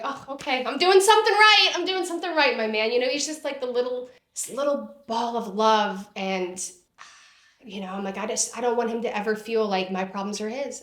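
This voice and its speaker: A woman's voice: medium pitch, fairly bright tone. Candid woman in her thirties, roomy sound. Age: 30s. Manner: candid and heartfelt, frequent "like" fillers, occasional swearing. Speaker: interview guest. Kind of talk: candid personal conversation. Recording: roomy echo.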